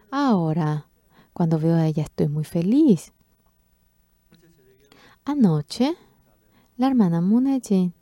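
Low-voiced woman interpreting a sermon. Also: dry recording, clean studio sound. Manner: expressive, acts out quoted speech with sudden jumps in pitch.

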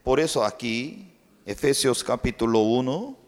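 A man preaching a sermon as pastor, telling stories and acting out voices in an animated way. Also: medium pitch, a little slow. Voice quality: animated storytelling, acts out voices. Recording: long reverb in a hall.

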